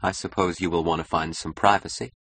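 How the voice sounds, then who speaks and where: A man's voice: sits low, fast talker, slightly rough, no echo, full character voice. Man reading a cool, detached young wife. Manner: quiet, calm and indifferent. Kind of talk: audiobook character voice.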